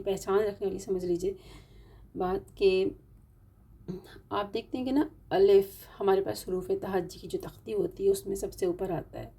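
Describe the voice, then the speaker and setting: Her mid-range voice is warm and gravelly as she, a Pakistani woman with an Urdu-speaking accent, leads an online tajweed lesson. She patiently breaks Quran recitation into steps and draws out each example word.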